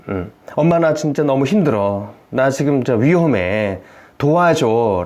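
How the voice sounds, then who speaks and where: A man who works as a family therapist, giving an explanatory video lecture to parents in an animated way, full of rhetorical questions. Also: fairly high pitch.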